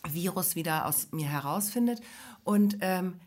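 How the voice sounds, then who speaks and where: Lower-pitched woman, rambling comic banter. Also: lively intonation, a little slow, a little mellow. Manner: rambling, playful, self-mocking. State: recovering from illness. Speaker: podcast co-host. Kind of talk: casual comedic chat.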